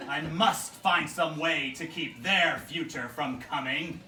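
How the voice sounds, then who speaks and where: A man's voice: a little high, slow, bright, forceful tone, full character voice. Man playing a scheming Grinch, echoey and distant. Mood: sneering, scheming. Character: mean, scheming, gloating Grinch, a satirical villain. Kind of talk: rhyming satirical puppet show. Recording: noisy, echoey room, far from mic.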